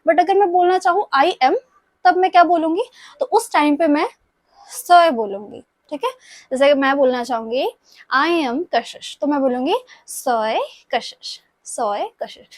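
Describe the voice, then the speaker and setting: A young woman with a sore throat teaches Spanish grammar to exam students, patient and repetitive, often pausing to check in with them. Her voice sits high, and the recording is dry and close with no room sound. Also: animated, a little mellow, no room sound. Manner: patient, repeats points, checks in with "ठीक है?". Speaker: Spanish tutor.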